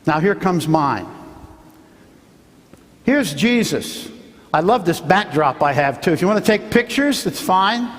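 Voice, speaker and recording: A man, a pastor, preaching a sermon as he tells a story, now and then acting out the shouts of the people in it. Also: high-pitched, sing-song, a little slow, pauses often, long reverb tail. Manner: storytelling, acts out the fishermen's shouts. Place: church sanctuary.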